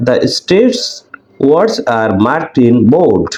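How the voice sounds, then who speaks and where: A man teaching an English lesson in a classroom style, explaining in Bengali and reading English sentences slowly with deliberate stress, pausing on fillers. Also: fairly high pitch, very animated, darkish tone, roomy sound. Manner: hesitant fillers between phrases.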